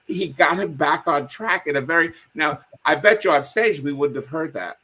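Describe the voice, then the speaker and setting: Animated, bright-voiced man telling comedy stories. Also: a little high, moderate pace, slightly rough. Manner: animated storyteller, acts out quotes. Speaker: guest. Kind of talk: casual chat.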